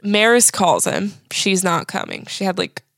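Casting: young woman, chatty podcast co-host, mid-pitch, close dry mic. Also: wildly swooping pitch, measured pace, gravelly, fairly bright tone, dry recording. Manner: chatty, quotes lines with many "like" fillers. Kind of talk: casual chat recapping a sitcom episode.

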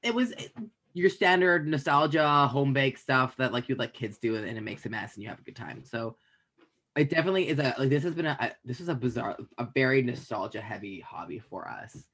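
A man's voice: medium pitch, lively intonation, brisk, fairly bright tone, husky. Joking, rambling man. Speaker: podcast co-host. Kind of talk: casual chat.

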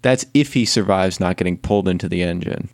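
A man's voice: sits low, fairly quick, dry recording. A man in casual conversation as a podcast co-host, explaining things in a matter-of-fact way. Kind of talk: casual chat.

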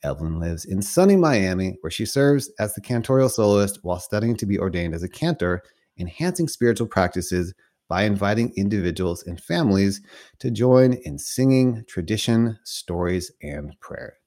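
A man's voice: lowish voice, expressive, moderate pace, mellow. A man hosting an interview podcast, introducing his guest like a showman and then asking questions. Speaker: podcast host.

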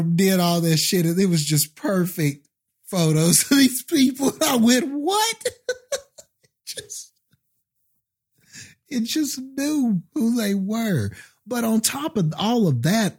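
A male podcast co-host talking through a film in a casual chat. His voice sits a little high, and he keeps asking questions with an animated, laughing energy. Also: husky. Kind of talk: casual movie review chat.

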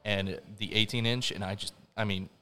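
A man speaks in a lowish, very even voice as a band's drummer being interviewed. His talk is casual and slangy, with some swearing. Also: normal speed, clean tone. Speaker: band drummer, podcast guest. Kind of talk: casual chat.

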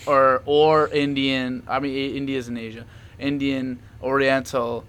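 A man's voice: medium pitch, measured pace. A young man chatting casually and rambling, with lots of fillers and frequent laughs. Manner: rambling, animated, laughs often, many fillers. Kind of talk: casual chat.

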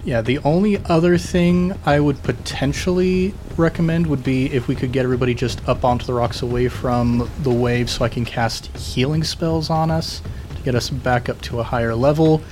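A man with a medium-pitched voice plays a tabletop game. He talks casually through tactics, with faint noise in the background. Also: steady tone, moderate pace, a little mellow. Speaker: player.

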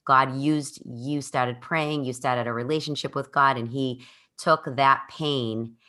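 A woman's voice: very deep voice, steady tone, slow, pushed and bright. A woman hosting a podcast interview, speaking in an enthusiastic, encouraging way. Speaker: podcast host.

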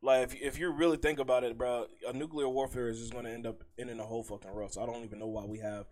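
A man's voice: medium pitch, level tone, rapid-fire, a little mellow. A young adult man co-hosting a podcast, giving his opinions in a laid-back, slangy way, swearing and saying "bro" a lot. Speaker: podcast co-host. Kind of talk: casual opinion chat.

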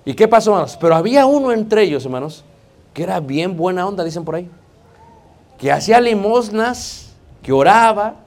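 High-voiced Mexican man preaching. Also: expressive, brisk, darkish tone. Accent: Mexican Spanish. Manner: conversational, joking, keeps addressing the congregation as brothers. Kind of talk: sermon.

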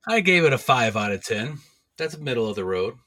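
A man co-hosting a podcast, giving informative recaps and reviews in a casual chat with deadpan jokes. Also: medium pitch, fairly quick. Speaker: podcast co-host.

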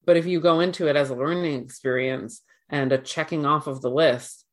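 Deep-voiced woman in her forties. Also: steady tone, a little fast. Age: 40s. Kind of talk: casual chat.

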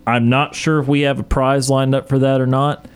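A man hosting a sports radio show and wrapping up the episode, talking in a relaxed way with filler words. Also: mid-range voice, moderate pace, clean tone.

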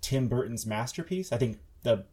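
A man's voice: mid-range voice, lively intonation, moderate pace, warm tone, husky. A man hosting a casual podcast chat from a room in his house, his voice echoey as the sound bounces off a wall; he rambles with many restarts and jokes. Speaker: podcast host.

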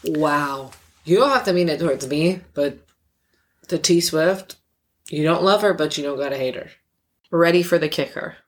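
A woman's voice: deep voice, moderate pace, long pauses. A young woman co-hosting a podcast, chatting casually with teasing, giggly banter. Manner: teasing, giggly, deadpan asides. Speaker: podcast co-host. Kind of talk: casual chat.

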